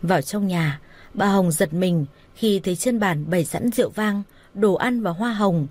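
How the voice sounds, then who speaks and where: A woman's voice: on the low side, normal speed, a little mellow. Woman narrating a dramatic story.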